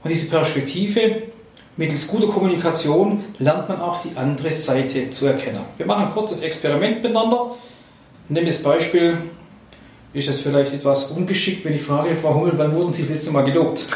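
A man from Swabia, Germany, hosts a podcast in a conversational way, explaining things and asking questions with the coaching tone of a leadership trainer. His voice is a bit high, somewhat quick, and a little mellow. The room is very echoey and the mic sits far away.

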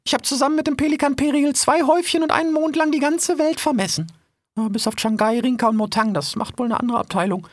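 A woman's voice: sits high, fast, no echo, clean studio sound, natural voice. A woman voicing a polite, chatty female mouse surveyor in an audio drama, formal and eager. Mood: earnest.

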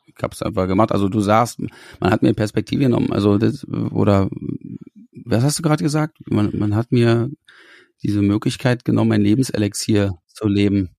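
A musician guest answers interview questions in a conversational way, speaking animatedly and often restarting sentences as he searches for words. His voice is fairly low with vocal fry, at normal speed, captured in a dry, studio-quality recording.

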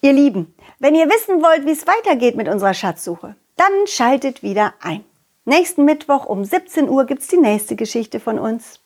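A woman's voice: sits high, sing-song, moderate pace. A woman narrating a children's story and speaking directly to young listeners in a playful way. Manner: warm, playful address to children.

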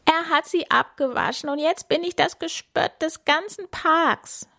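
A woman's voice: high-pitched, a little slow, gravelly, bright, forceful tone, pitched above the performer's own voice, full character voice. A woman doing a sobbing shy young cheetah boy. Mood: tearful. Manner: whiny, tearful.

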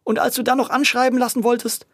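A storyteller voicing a hot-tempered middle-aged male greengrocer who shouts and rants in a children's audio story. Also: flat delivery, quick pace, no room sound, clean studio sound, close to an everyday voice. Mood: anxious apology. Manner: shrill, shouting and ranting.

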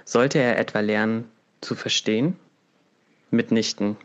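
A man reading a fable aloud in a calm, measured way. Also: lowish voice, dull audio. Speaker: storyteller.

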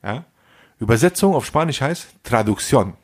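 A man's voice: medium pitch, moderate pace, breathy edge. A man in his forties, co-hosting a casual podcast chat, telling an anecdote in street slang and acting out the voices of the people in it. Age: 40s. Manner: street slang, animated anecdote with acted quotes. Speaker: podcast co-host.

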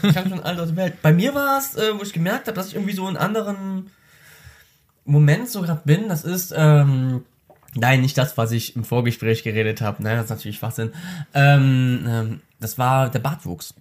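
A man with a voice that is not deep, rambling through casual chat with many restarts and fillers. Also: moderate pace.

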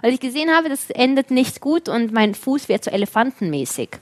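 Animated woman telling a story. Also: on the high side. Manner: animated storytelling, voices others in quick asides. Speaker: storyteller in a conversation. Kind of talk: casual chat.

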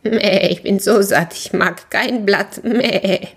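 A woman's voice: mid-range voice, slow, husky. A woman voicing a sly, lying goat that bleats its rhymes in a sing-song. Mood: bleating.

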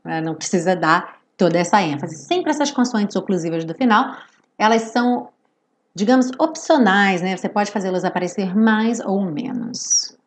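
A woman's voice: medium pitch, animated. A woman who speaks Portuguese as her first language, teaching English pronunciation through song lyrics. She draws out each sung phrase and checks in with the learner often. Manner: slow, drawn-out modelling of English phrases between quick explanations; frequent tag checks like tá and ok.

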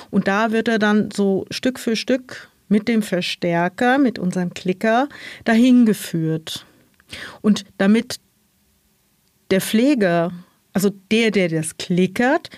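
A woman's voice: medium pitch, a little mellow, no echo, studio quality. A woman working as an animal trainer, explaining conversationally in an interview. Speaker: zoo animal training specialist.

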